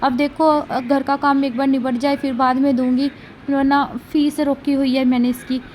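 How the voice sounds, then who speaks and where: Woman vlogger, high voice, rambling home chat into a phone camera, faint room noise. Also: level tone, moderate pace, darkish tone. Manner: talkative, rambling, frequent tag questions. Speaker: vlogger, mother. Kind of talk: casual chatty daily vlog.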